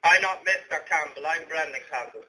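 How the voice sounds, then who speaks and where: Indignant Irish man, sharp, higher-pitched voice. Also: a little fast, poor audio. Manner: indignant, insistent, repetitive. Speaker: caller complaining to a police station. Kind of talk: argumentative phone call.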